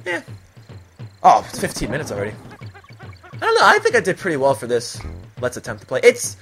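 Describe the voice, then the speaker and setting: Young man, rambling let's-play talk, lively pitch, faint game music. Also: a little fast. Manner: rambling, laughing storytelling. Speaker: gamer. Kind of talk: casual commentary while playing a video game.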